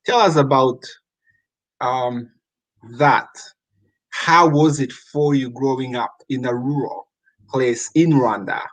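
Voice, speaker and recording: A man hosting an interview, asking questions slowly with frequent fillers. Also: medium pitch, rough recording. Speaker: interview host.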